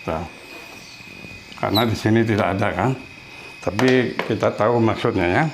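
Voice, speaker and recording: A man teaching a beginner Spanish lesson in a casual, patient way, repeating his examples slowly and clearly. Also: lowish voice, slight background noise.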